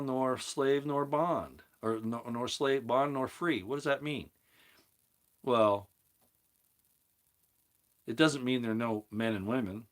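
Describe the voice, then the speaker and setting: Man on a livestream, rambling, reads chat comments aloud, restarts sentences, mid-pitched. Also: a bit bright. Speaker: livestream host answering chat. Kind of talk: casual livestream talk on scripture.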